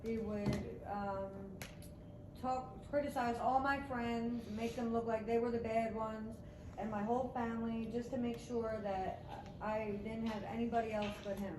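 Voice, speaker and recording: A woman in a recovery group sharing her story hesitantly, pausing with many fillers. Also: fairly high pitch, fairly even intonation. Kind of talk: personal sharing. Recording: distant roomy recording with noise.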